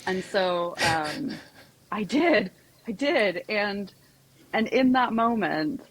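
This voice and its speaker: A woman's voice: medium pitch, animated, slow pace, a little hiss or hum, low-quality recording. A woman psychotherapist and equine coach, talking as a podcast guest in a chatty storytelling way, full of "like" and "you know". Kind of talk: casual podcast conversation.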